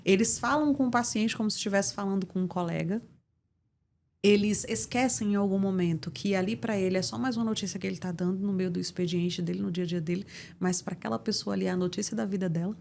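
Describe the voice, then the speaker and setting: A woman's voice: mid-range voice, quick pace, gravelly, darkish tone, a little hiss or hum. A middle-aged woman from Brazil with a Brazilian Portuguese accent, an interview guest and communication mentor explaining with emphatic examples. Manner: assertive, didactic, emphatic delivery.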